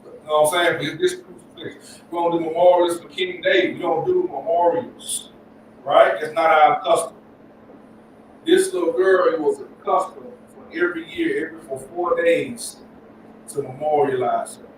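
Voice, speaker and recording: A man with a high voice teaches a Bible class in an emphatic, repetitive way and keeps asking rhetorical questions. He is heard from a distance in a very echoey room with faint noise behind him. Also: expressive, normal speed. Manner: emphatic, repeats points, asks rhetorical questions.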